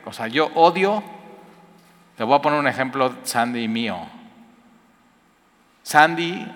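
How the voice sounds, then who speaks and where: A man's voice: fairly high pitch, fairly bright tone, long reverb tail. A man preaching a sermon in a conversational way, asking his listeners questions. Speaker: pastor.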